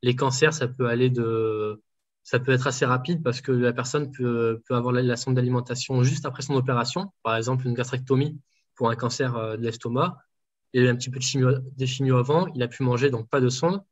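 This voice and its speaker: A man's voice: medium pitch, steady tone, a little fast. A man working as a home nutrition dietitian, answering interview questions casually with many fillers and restarts. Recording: dull lo-fi sound.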